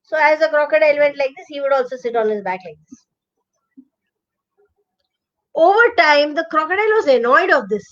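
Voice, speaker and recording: A woman with an Indian accent and a high-sitting voice tells a children's bedtime story, heard through a muffled recording. She narrates expressively, stretching out and repeating words for emphasis.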